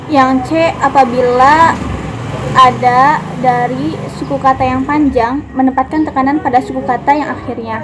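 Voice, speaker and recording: A woman's voice: high voice, steady tone, normal speed, background noise. A young woman student giving a class presentation, explaining steadily and speaking to her classmates with small fillers.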